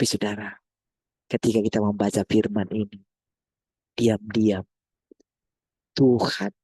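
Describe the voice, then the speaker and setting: Husky preacher man with rhetorical questions. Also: lowish voice, no echo. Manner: addresses listeners as brothers, rhetorical questions, swings between loud and soft. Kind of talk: sermon.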